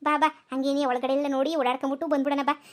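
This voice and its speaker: A woman voicing an excited young village bride new to the city, gushing and loud, in a comedy skit. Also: high voice, rapid-fire, soft background music, lightly acted. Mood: wide-eyed.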